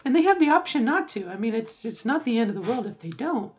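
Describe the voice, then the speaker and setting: A woman's voice: a little high, big pitch swings, fast, muffled recording. A woman in her forties talking casually to camera, rambling and correcting herself as she gives advice. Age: 40s. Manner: rambling, self-correcting, chatty. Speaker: vlogger.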